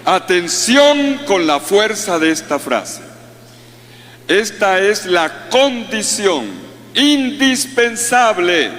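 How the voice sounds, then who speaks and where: A man's voice: on the high side, a bit bright. A man preaching a sermon as a priest, emphatic, repeating key phrases and drilling his listeners. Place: large hall at a conference. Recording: long hall reverb.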